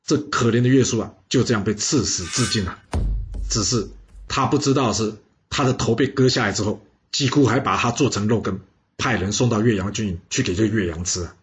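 A man telling a history story in a casual, lively, exclamatory way with chatty asides. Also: lowish voice, a little fast, slight background noise.

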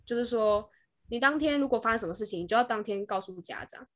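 A young woman with a Taiwanese Mandarin accent chats on a podcast in a quick, brisk rush. Her voice sits a touch high. She tells her stories with animated energy and briefly acts out the people in them. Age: young adult. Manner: animated storyteller who briefly acts out kids and parents. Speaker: podcast co-host. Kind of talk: casual chat.

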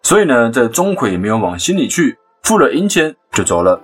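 A man's voice: medium pitch, breathy edge, faint music behind. A man with a Taiwanese Mandarin accent, hosting a podcast and chattily retelling a legend with asides. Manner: chatty, animated retelling with quick asides and laughs. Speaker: podcast host, storyteller. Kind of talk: casual storytelling podcast.

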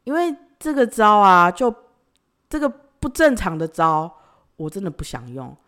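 A woman, hosting a podcast and telling a personal story, swinging between loud outbursts and quiet sighs. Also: medium pitch, very animated, a little slow. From Taiwan. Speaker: podcast host.

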